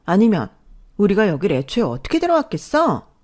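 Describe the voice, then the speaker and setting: A woman voicing a brash sister-in-law who sneers loudly and threatens. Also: mid-range voice, wildly swooping pitch, a little fast. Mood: sneering. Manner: sneering, loud.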